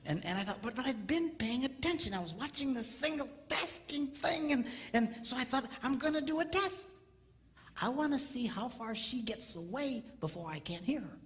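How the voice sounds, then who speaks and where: Animated comic pastor in a big hall. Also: male voice, normal speed. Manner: animated storyteller, voice leaps high on punchlines. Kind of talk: comedic marriage seminar talk. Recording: long reverb of a large hall, faint noise.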